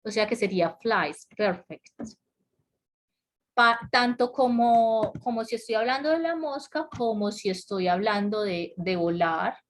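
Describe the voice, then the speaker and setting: A woman leads an online English lesson, talking through grammar points at a relaxed, patient pace. She often stops to check in with her students. Her voice sits at an ordinary middle pitch and comes through a computer microphone on a video call. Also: measured pace, a little hiss or hum. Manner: explains patiently, asks the class questions, laughs lightly. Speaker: English teacher. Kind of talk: online class explanation. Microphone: computer mic on a video call.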